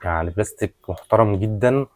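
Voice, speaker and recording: A man with an Egyptian Arabic accent giving a casual, repetitive sales pitch, presenting products in colloquial patter addressed to customers. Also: fast, a little mellow, dry recording. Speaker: shop seller, product presenter. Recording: clearly noisy, rustling and clicking handling sounds.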